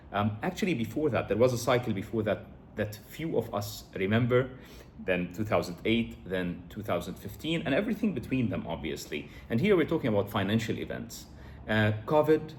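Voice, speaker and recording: A man's voice: on the low side, darkish tone, a little hiss or hum. A middle-aged man from Lebanon talking to camera in a reflective, earnest way, with frequent fillers and restarts. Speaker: vlogger. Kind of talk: casual to-camera monologue.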